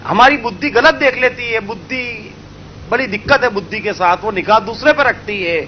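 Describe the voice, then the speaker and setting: A man from India telling a spiritual story in an animated way, acting out the characters. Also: sits high, fairly quick, highs cut off, slight background noise. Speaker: spiritual speaker. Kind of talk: storytelling talk.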